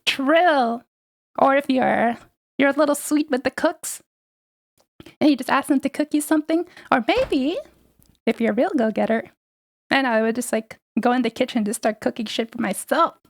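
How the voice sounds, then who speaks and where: A woman's voice: high voice, normal speed, no echo, studio quality. A young woman streaming, chatting casually and rambling, laughing often and swearing freely. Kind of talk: casual livestream chat.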